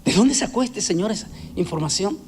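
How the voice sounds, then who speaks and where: Male evangelist, fiery sermon delivery, repeats key words, slightly raised pitch. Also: lively intonation, a little fast, darkish tone, a little hiss or hum. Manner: emphatic, repeats words for stress. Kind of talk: preaching sermon.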